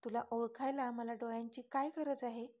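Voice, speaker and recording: A confident young lover who teases and corners the girl with pointed questions, smirking as he talks, read by a woman storyteller. The voice sits a little high, kept close to her own reading voice. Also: flat delivery, moderate pace, a little mellow, close to an everyday voice. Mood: teasing. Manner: teasing, smirking, pressing questions. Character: teasing confident young man in love.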